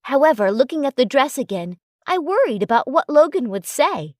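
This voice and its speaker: A woman with a high voice reads a scripted romance story at a moderate pace, her pitch moving in lively sweeps. The recording is dry, with almost no room sound.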